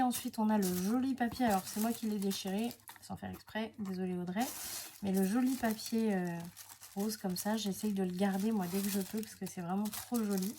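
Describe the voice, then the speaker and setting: A woman chatting casually to camera while unboxing craft papers, hesitant, full of fillers and self-corrections, sometimes dropping to a soft near-whisper. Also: mid-range voice, a little hiss or hum. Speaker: scrapbooking crafter presenting her channel.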